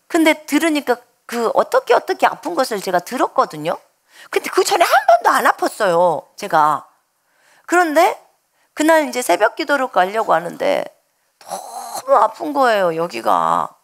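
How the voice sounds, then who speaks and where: A woman's voice: on the high side, huge pitch swings, normal speed, creaky. A woman from preaching a sermon at a church service, telling a personal testimony and speaking directly to the congregation. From Jeolla, South Korea. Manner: storytelling, addresses the congregation directly.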